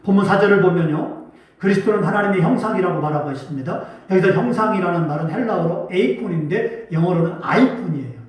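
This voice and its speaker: A male pastor with a high, lively voice preaches emphatically, quizzing his congregation. He is heard from a distance in a very echoey sanctuary. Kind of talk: sermon. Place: church sanctuary.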